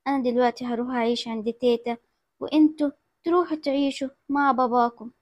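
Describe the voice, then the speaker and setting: A woman's voice: high-pitched, steady tone, fast talker, no echo, close to an everyday voice. A woman with an Egyptian accent playing a distraught young mother of two girls, pleading and tearful. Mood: sad. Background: music.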